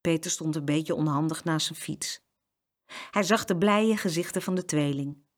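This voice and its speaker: A woman reading a children's story aloud as narrator, with expressive storytelling. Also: deep voice, moderate pace.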